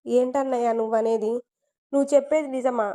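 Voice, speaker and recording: A woman's voice: on the high side, fairly even intonation, brisk, dark tone, natural voice. A woman voicing an emotional middle-aged man who has just woken after many years, speaking in a pleading, tearful way.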